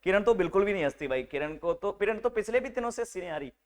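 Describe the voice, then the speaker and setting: A man teaching a live nursing class to a room of students, lively and teasing, mixing English medical terms into his speech. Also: high voice, fast talker. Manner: animated, teasing, mixes Hindi with English terms.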